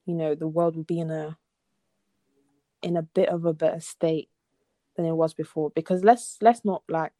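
A young woman with a low voice co-hosts a casual podcast. She rambles in a relaxed way, full of "like" and "you know." The sound is close and dry. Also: normal speed, long pauses, dry recording. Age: young adult. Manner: rambling, laid-back, with many fillers. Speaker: podcast co-host.

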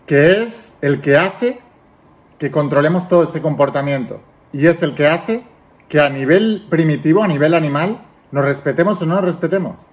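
A man giving a motivational self-help lesson, speaking directly to the viewer and acting out examples. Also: fairly high pitch. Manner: direct, addresses the viewer as tú, demonstrates voices.

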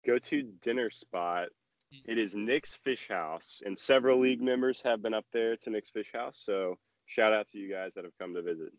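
A man's voice: fairly low pitch, normal speed, no room sound, dull audio. A young man, a guest on a podcast, chatting casually and laid-back with lots of hesitant fillers. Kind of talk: casual chat.

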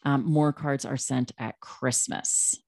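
A woman's voice: extremely low pitch, fairly even intonation, takes it slowly, vocal fry, a little mellow, no room sound, clean studio sound. A woman co-hosting a podcast, talking casually and emphatically, with frequent restarts and asides. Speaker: podcast co-host.

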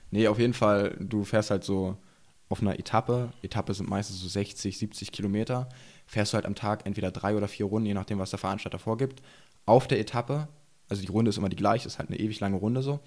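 An enduro rider in his twenties from Saxony-Anhalt, eastern Germany, talks fast as a podcast guest, his fairly low voice slightly mellow and steady in tone. It's a casual chat full of rambling, frequent laughter and slang.

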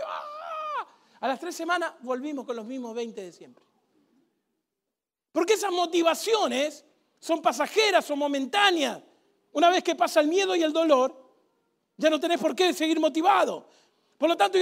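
A man preaching a sermon, animated and sarcastic, leading the congregation in call-and-response. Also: very high voice, vocal fry. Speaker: pastor.

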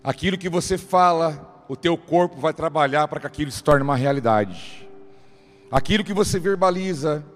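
High-voiced Brazilian preacher in a hall. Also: male voice, moderate pace. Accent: Brazilian Portuguese. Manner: emphatic, addresses listeners directly. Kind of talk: motivational sermon. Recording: reverberant hall.

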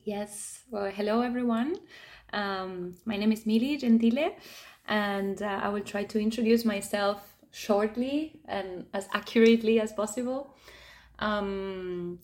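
Woman from Argentina, yoga teacher; gentle, reflective podcast guest, mid pitch. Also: unhurried. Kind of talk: casual conversational interview.

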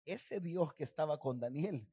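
A male pastor delivering a sermon with a high-pitched voice. He preaches emphatically and keeps calling the congregation to say phrases back with him. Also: expressive, a little slow, dark tone, husky.

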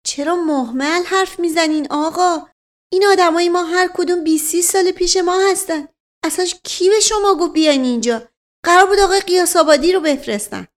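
A woman voicing an indignant older aristocratic lady who scolds in rapid bursts. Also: extremely high pitch, pitched above the performer's own voice.

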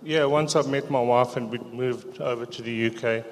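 A middle-aged man sharing his testimony in church, speaking quietly with halting pauses and restarts. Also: medium pitch, steady tone. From South Africa. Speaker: church member giving testimony. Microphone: handheld microphone. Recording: echoey church hall.

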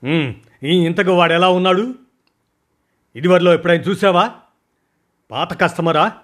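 A man voicing a short-tempered male boss who barks loud, demanding questions and orders. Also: sits high, unhurried, voice pushed up. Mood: impatient, demanding.

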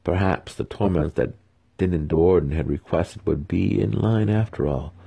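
In this scripted audiobook, a man narrates fantasy fiction dramatically in a deep, husky, rough-edged voice. He keeps a moderate pace, and his tone is mellow.

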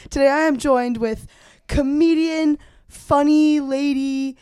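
Female podcast host, higher-pitched but hoarse from laryngitis, casual and slangy, close dry sound. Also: steady tone, slow, mellow, no echo. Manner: sweary, slangy. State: hoarse with laryngitis, voice partly lost. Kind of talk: casual, joking interview chat.

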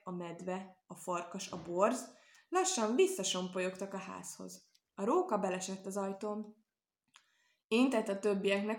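Woman reading a storybook aloud. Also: mid-range voice. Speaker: narrator. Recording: roomy echo.

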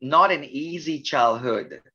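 A man's voice: a little high, slow, bright, forceful tone, breathy edge, muffled recording. A man in his sixties from Malaysia, a pastor speaking as an interview guest, earnest and reflective as he tells his life story. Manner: earnest, reflective, with frequent restarts.

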